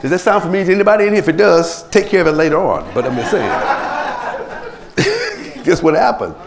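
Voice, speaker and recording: Animated preaching man. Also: moderate pace, vocal fry, background noise. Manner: preachy, animated, acts out quoted people in rising pitch. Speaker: pastor. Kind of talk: sermon with anecdotes.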